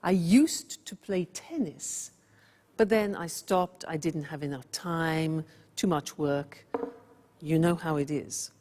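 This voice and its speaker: A woman from England presenting a scripted English grammar lesson, slowly and clearly walking through examples with props. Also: low-pitched, a little mellow, long reverb tail, a little hiss or hum. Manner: slow, clear, showing props. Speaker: English teacher.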